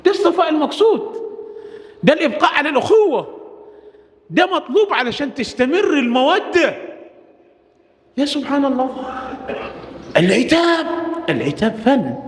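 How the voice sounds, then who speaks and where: Egyptian guy preaching a sermon, high voice jumping all over, lots of rhetorical questions, big echoey mosque hall. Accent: Egyptian Arabic. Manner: impassioned, rhetorical questions, swings between drawn-out and rapid phrases. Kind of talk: Friday sermon.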